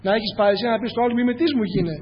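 A man's voice: sits high, husky. A man preaching a sermon, speaking earnestly, often addressing his listeners as brothers and asking rhetorical questions. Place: church hall. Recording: echoey hall, dull lo-fi, faint hum.

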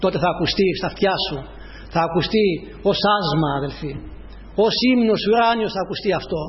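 High-voiced preacher man in a reverberant hall. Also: expressive, a little hiss or hum. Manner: repetitive, rising to emphatic peaks, addresses listeners as brothers. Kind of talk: sermon. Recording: dull lo-fi recording with long reverb.

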